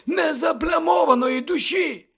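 A man voicing an elderly wizard headmaster who lectures urgently and emphatically, often close to shouting, in an audiobook reading. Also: very high-pitched, a little slow, gravelly, voice pushed up, exaggerated voice. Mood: impassioned. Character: elderly male wizard headmaster, fervent and impassioned.

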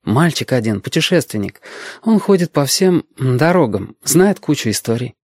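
A man's voice: mid-range voice, very animated, normal speed, darkish tone, no echo, clean studio sound. A man reading a story aloud and voicing an eager sixth-grade boy who patiently explains things to a girl. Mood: eager, explaining.

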